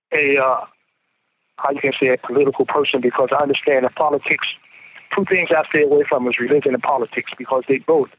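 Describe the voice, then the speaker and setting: A man's voice: medium pitch, slight background noise. A man speaking earnestly on a payphone call from prison, often repeating words as he restarts. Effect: payphone call over a tinny prison phone line. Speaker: incarcerated interviewee calling in. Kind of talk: casual phone interview. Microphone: prison payphone handset. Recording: tinny phone line.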